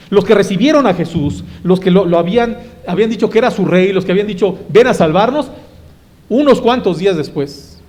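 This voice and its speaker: A man preaching a Sunday sermon, dramatically acting out shouting crowds and asking the congregation questions. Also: high voice. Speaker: pastor.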